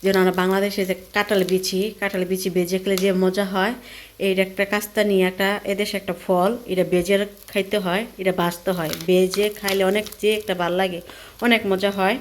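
A Bangladeshi woman vlogging casually as she cooks at home, explaining each step in a chatty way, her voice hoarse from a cold. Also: mid-range voice, flat delivery, fairly quick, a little hiss or hum. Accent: Bangladeshi Bengali. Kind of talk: casual cooking vlog. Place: home kitchen.

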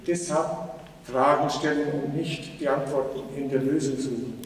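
A man's voice: mid-range voice, steady tone, normal speed, a little hiss or hum. A man giving a conference keynote, speaking earnestly and persuasively and putting rhetorical questions to the audience. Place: large conference hall. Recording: echoey hall, voice from far off.

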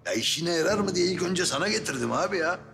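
A man's voice: high-pitched, expressive, fast, a bit bright. An actor playing a young street hustler, coaxing and pleading with an older man to strike a deal. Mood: wheedling.

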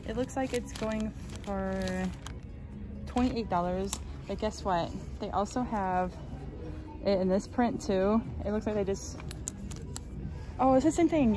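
A woman narrating a casual shop-with-me vlog on her phone, chatty and gushing, with lots of likes and ums. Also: fairly high pitch. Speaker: shopping vlogger. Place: large retail store, indoors.

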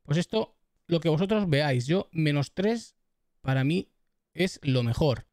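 Young-sounding male streamer, slightly high voice, dry close mic, casual how-to patter. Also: lively intonation, measured pace, a little mellow, dry recording. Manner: chatty, addresses viewers as "chavales" and "familia"; repeats test phrases into the mic. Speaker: tech YouTuber giving mic setup tips. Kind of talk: casual tutorial. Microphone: close studio dynamic microphone.

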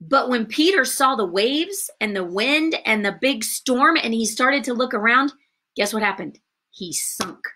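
A woman teaching a Bible story to children, animated and asking them questions as she goes. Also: on the high side, moderate pace. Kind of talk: Bible story lesson for kids.

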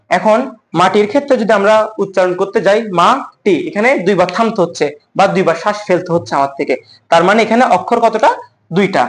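Young man, high voice, lecturing students with self-answered questions. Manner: asks questions and answers them himself; repeats key words slowly for emphasis. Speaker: teacher. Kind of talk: classroom lecture.

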